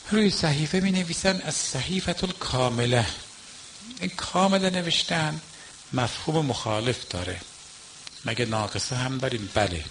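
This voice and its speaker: Older cleric with a gravelly voice. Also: male voice, mid-range voice, slight background noise. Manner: emphatic, swinging between soft asides and raised exhortation. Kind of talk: Muharram mourning-night sermon.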